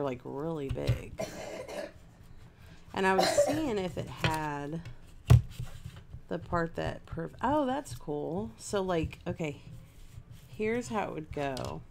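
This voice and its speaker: A woman's voice: low-pitched, gravelly, background noise. A woman livestreaming while she crafts, chatting casually and rambling to her viewers with lots of fillers.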